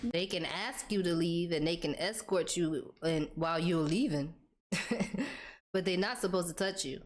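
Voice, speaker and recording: A woman's voice: lowish voice, normal speed. A woman hosting a live stream, casually reacting to court testimony and laughing along. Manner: conversational, laughs while commenting. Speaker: commentary host.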